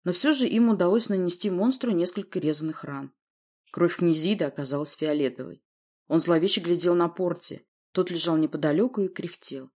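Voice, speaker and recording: Husky low-voiced woman narrating. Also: fairly quick, darkish tone. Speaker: audiobook narrator. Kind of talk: scripted first-person narration.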